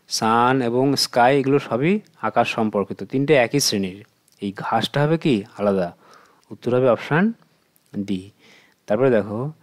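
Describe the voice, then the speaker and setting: Male tutor, Bengali accent, mid-pitched voice, patient question-and-answer delivery for young students. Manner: patient, asks and answers his own questions. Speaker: teacher. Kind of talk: exam question walkthrough for children.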